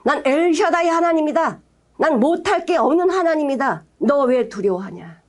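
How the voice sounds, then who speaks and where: A woman's voice: high-pitched, expressive, moderate pace. A woman voicing God as a commanding almighty male deity, declaring reassurance with emphasis during a sermon.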